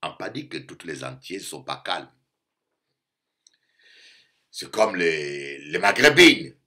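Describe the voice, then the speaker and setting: A man from Africa preaching a sermon as a bishop, animated and repeating phrases for emphasis, often acting out other voices. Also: sits low.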